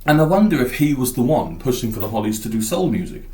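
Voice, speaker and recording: A man's voice: mid-range voice, very animated, quick pace, mellow, echoey room. A man hosting a podcast, rambling enthusiastically about an album and thinking aloud. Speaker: podcast host. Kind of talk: casual album talk.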